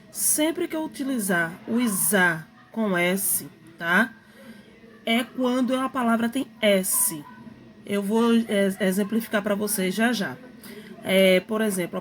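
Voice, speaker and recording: A woman teacher, patiently explaining a grammar lesson, repeating points and checking that students follow. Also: medium pitch.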